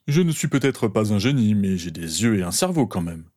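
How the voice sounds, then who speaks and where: A relaxed young man who plays the protective older brother, voiced by a male reader. He teases in a low, easy, conversational tone. This is a read-aloud storybook fan story. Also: brisk.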